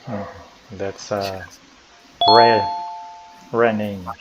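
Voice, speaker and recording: A man's voice: on the low side, steady tone, drawn-out words, muffled recording, heavy background noise. A man, a student on a video call, speaking hesitantly as he searches for English words. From Brazil. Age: 30s. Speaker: language student. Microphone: video call mic.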